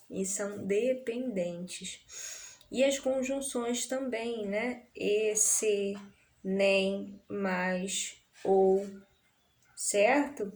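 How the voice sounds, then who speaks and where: A woman teacher with a Brazilian Portuguese accent explains grammar during a remote lesson in a mid-range, slightly mellow voice. She's patient and checks in often with tag questions.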